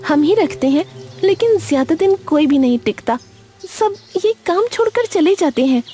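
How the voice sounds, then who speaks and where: A woman's voice: extremely high pitch, animated, moderate pace, warm tone, faint music behind, voice pushed up. A woman voicing a young female caretaker at an old age home, explaining things in a friendly way.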